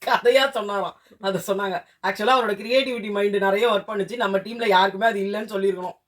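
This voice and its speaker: A woman's voice: mid-range voice, steady tone, fast. A woman co-hosting a casual chat about a reality show, blunt and scornful in her remarks. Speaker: co-host reviewer.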